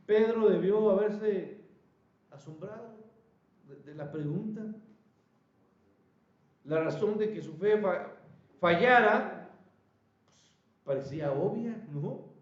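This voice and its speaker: Animated high-voiced preacher in a roomy hall. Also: male voice, slow pace, pauses often, dull audio. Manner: animated preaching, calling out questions to the congregation. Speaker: pastor. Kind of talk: sermon. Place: church.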